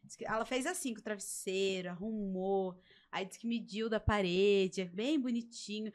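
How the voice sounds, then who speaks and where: A woman's voice: medium pitch, normal speed, a little mellow. A Brazilian woman hosting a podcast, chatting casually and telling a funny story with a guest. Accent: Brazilian Portuguese. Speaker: podcast host. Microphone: podcast mic.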